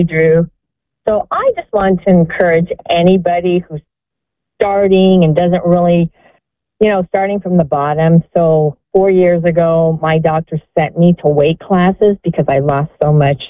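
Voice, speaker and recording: A woman's voice: lowish voice, no echo. Woman, 60s, caller on a tinny phone line; earnest, encouraging, rambling. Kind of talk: call-in show testimony.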